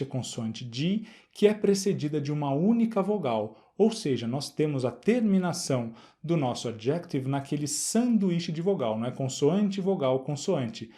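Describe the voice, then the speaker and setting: Mellow Brazilian teacher, patient and clear. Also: male voice, on the high side. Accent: Brazilian Portuguese. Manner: didactic, repeats words slowly, checks in with the class. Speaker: English teacher. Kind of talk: explaining a grammar exercise.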